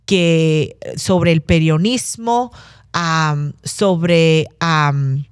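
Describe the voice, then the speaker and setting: A woman's voice: fairly low pitch, dry recording, studio quality. A young woman from Massachusetts giving an interview, speaking thoughtfully with many fillers and restarts. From Massachusetts, USA. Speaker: guest. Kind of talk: conversational interview.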